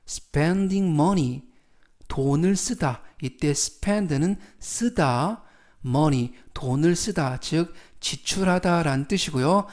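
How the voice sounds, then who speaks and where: A man teaching English phrases in a calm, methodical lesson, often repeating key words and example sentences. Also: fairly high pitch. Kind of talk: slow explanatory lesson.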